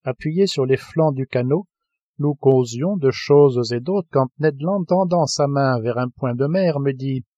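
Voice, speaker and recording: A man reading a classic novel aloud as an audiobook narrator, in a steady, even voice. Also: medium pitch, measured pace, no room sound, highs cut off. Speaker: audiobook reader. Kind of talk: scripted narration.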